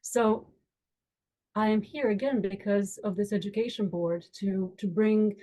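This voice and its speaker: With a mellow, steady, mid-range voice, the Romanian attorney and education board member addresses an online community meetup by video call. Her delivery is earnest and encouraging, slow and deliberate, with lists given real emphasis.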